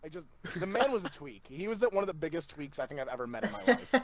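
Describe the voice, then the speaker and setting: A man, a podcast guest, telling funny stories in an animated, laughing way over a remote call. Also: a little high, fast talker, crowd noise. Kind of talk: casual storytelling.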